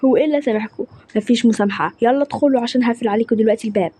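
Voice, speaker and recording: A woman's voice: a little high, very fast, mellow, husky, voice pushed down. A woman voicing a strict guard who locks prisoners up, in an Egyptian accent. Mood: stern. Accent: Egyptian Arabic.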